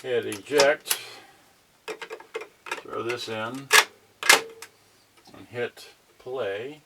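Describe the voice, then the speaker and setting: A man who hosts an electronics unboxing channel does a casual, unscripted unboxing, rambling and thinking aloud and often trailing off mid-thought. His medium-pitched voice moves extremely slowly. The recording is a noisy home video with clicks.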